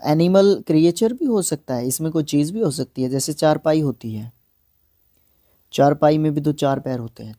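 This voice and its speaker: A man teaching an exam-prep vocabulary lesson. He spells words out slowly, letter by letter, and speaks frankly, correcting himself as he explains. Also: on the high side, dark tone, dry recording, studio quality.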